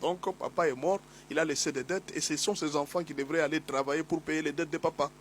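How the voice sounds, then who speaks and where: A pastor with a somewhat high, slightly hoarse voice teaches a sermon while fighting a cold, keeping a steady tone at a fairly quick pace. He presses his points through repetition and rising exhortation, with a faint hum beneath the recording.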